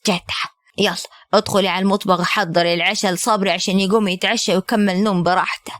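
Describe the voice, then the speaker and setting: A woman playing a sharp-tongued Upper Egyptian mother-in-law. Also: mid-range voice, steady tone, fast talker, no room sound, close to an everyday voice. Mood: bossy. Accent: Upper Egyptian Arabic. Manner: scolding, sweet-talking then sharp.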